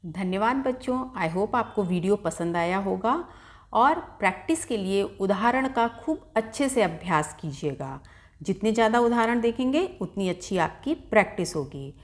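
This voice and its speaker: Female Hindi teacher, patient classroom explainer, talks to kids, spells out words slowly. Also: mid-range voice, lively intonation. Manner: patient, addresses children directly, sounds out words slowly. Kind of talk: grammar lesson for students.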